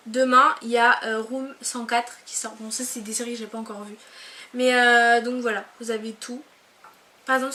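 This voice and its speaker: Bright-voiced young woman vlogging casually. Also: a little high. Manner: chatty, filler-heavy and relaxed. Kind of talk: casual chat to camera. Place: bedroom, on her bed.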